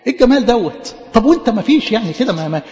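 High-voiced Egyptian preacher in an echoey hall. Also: male voice, expressive, racing, a little mellow, highs cut off. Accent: Egyptian Arabic. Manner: emphatic, rhetorical questions, repeats words. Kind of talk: sermon.

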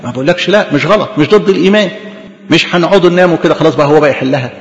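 A man's voice: a little high, rapid-fire. A man with an Egyptian Arabic accent preaching an impassioned sermon, calling his listeners beloved. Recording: dull lo-fi recording with long reverb.

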